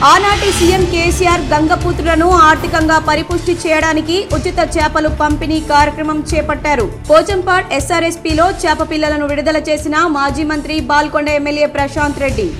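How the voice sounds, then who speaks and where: A woman news anchor reading headlines in a measured, formal newsreading manner. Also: sits high, level tone, music in the background.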